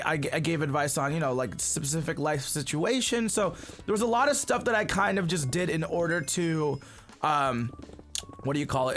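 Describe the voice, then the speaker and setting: A gaming channel host from the Philippines, with a somewhat high, fairly bright voice, chats loosely with viewers while he plays. His storytelling wanders, full of fillers and restarts, and he keeps saying "you guys." He's at home while his family cleans the house.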